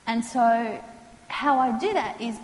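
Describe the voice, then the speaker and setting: A woman, calmly explaining counselling skills to students and acting out what clients say. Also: fairly high pitch. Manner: calm, measured, acts out client quotes. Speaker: counselling lecturer. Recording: echoey hall, faint noise.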